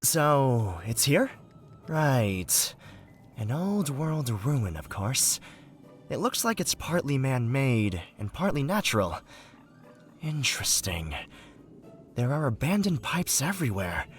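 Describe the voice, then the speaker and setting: An actor playing an earnest, excitable writer companion in a video game, speaking theatrically and eloquently with wonder. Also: male voice, medium pitch, slow pace. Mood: musing. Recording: game music behind the voice. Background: game music.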